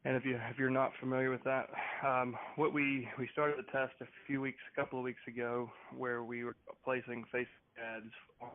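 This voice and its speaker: A man giving a business update over a headset on a group call, speaking haltingly with frequent restarts, his audio buzzing, glitching and breaking up. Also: medium pitch, level tone. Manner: halting, restarts sentences often. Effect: buzzy call audio that breaks up and glitches. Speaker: company representative on a conference call. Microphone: headset on a phone call. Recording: tinny, glitchy phone line breaking up.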